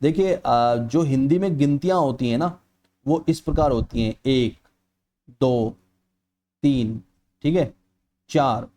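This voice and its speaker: Speaking slowly with long pauses, the teacher has a warm, mid-range voice. His exam-prep lecture is explanatory; he frequently says "ठीक है" to check in and elongates vowels aloud as examples.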